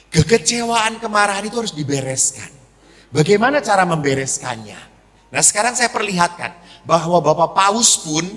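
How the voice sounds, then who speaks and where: Animated male priest preaching in an echoing hall. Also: high-pitched. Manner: animated storytelling with acted-out quotes. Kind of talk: sermon.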